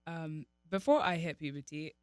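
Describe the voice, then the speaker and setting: A young woman from Nigeria, chatting as a podcast guest in a relaxed way with lots of fillers. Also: sits low, moderate pace, clear, resonant tone, dry recording. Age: young adult. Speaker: podcast guest, college athlete. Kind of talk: casual interview chat.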